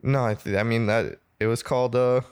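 A man's voice: mid-range voice, steady tone, fairly quick, darkish tone, smooth. A man chatting casually, with dry, profane jokes. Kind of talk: casual chat.

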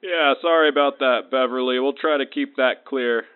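A man's voice: medium pitch, normal speed, clean tone. Guy doing a laid-back fire captain calling in over police radio, tinny phone-like sound, says over. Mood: sheepish. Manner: laid-back, hesitant, radio sign-offs. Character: male fire captain, slacking off drinking beers. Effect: police-style two-way radio.

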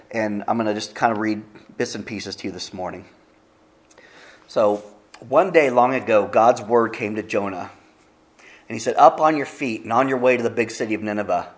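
A man preaching a sermon, retelling a Bible story in a conversational way with easy asides to the congregation. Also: on the low side. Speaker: pastor.

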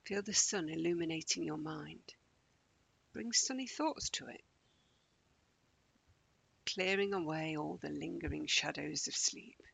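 A man leading a guided morning meditation in a slow, gentle, calming way, often dropping close to a whisper. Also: on the high side, gravelly, breathy edge, no room sound, rough recording.

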